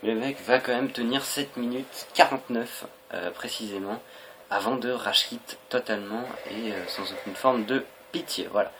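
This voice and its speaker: A man's voice: medium pitch, moderate pace, a bit bright. A young adult Frenchman gives casual, hesitant and rambling gameplay commentary on a noisy home recording. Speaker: gaming video creator.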